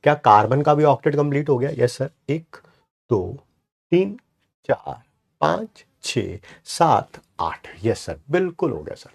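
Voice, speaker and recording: This chemistry teacher has a mid-range voice with vocal fry, speaking at a measured pace but very animated as he encourages his online class. Pointing at the board, he counts aloud, slips in English words, and answers his own questions the way a student would.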